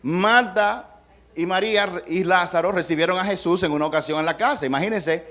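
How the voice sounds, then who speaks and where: Fairly high-voiced man preaching a sermon. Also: fairly quick, fairly bright tone. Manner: conversational preaching with acted-out quotes and humor. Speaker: pastor.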